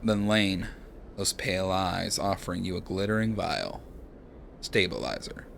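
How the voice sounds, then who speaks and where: A young man streaming a narrative game, reading its text aloud in a hushed, dramatic way and chatting with viewers. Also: deep voice, animated, unhurried, creaky, a little hiss or hum.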